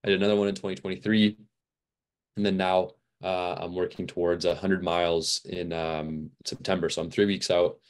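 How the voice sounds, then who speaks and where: A man's voice: sits low, flat delivery, moderate pace. A man in his twenties, a podcast guest, talking in a loose casual way full of fillers and restarts, a little tired. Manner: rambling, many fillers and restarts. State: a little fatigued. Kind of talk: casual interview chat.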